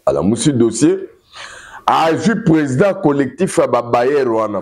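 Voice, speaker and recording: A man's voice: mid-range voice, a little mellow. Emphatic Congolese male news commentator. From Democratic Republic of the Congo. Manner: emphatic, repeats key phrases, mixes two languages freely. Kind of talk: animated political commentary.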